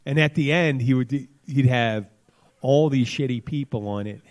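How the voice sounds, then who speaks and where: A man's voice: mid-range voice, normal speed, darkish tone. A man hosting a podcast in casual chat, rambling through jokey, crude stories and tangents. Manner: rambling, joking, crude storytelling. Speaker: podcast host.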